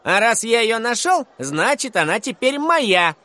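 A man's voice: very high-pitched, big pitch swings, unhurried, pushed and bright, slight background noise, pitched above the performer's own voice, full character voice. A man voicing a mean, defiant fourth-grade boy who taunts and drags out his retorts. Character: bratty mean schoolboy, defiant and cheeky.

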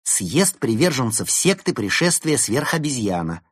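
A man's voice: medium pitch, very animated, measured pace, slightly rough, dry recording, studio quality, voice pushed up. A man reading a storybook aloud, voicing a bossy, teasing young female fox. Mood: reporting. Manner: mocking, teasing. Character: bossy quick-tongued young vixen.

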